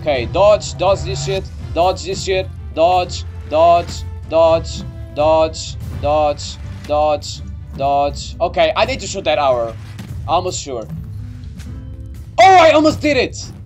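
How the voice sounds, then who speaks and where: Young male game streamer, high-pitched and lively, jumpy and sweary, over faint game music. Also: slow. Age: young adult. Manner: excitable, easily startled, swearing. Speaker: gaming video creator. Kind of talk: let's play game commentary.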